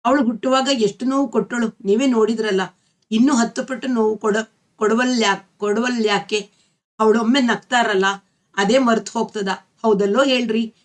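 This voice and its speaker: Woman voicing a young village woman, North Karnataka accent, tearful, pleading, a little higher. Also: steady tone, normal speed, natural voice. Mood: fond. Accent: North Karnataka Kannada. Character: grieving young village woman, warm and emotional.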